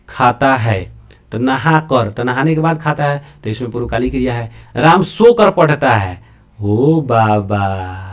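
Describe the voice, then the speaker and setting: Lively male grammar teacher. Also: medium pitch. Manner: lively, repeatedly checks understanding with rhetorical questions. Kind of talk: classroom-style lesson explaining to students.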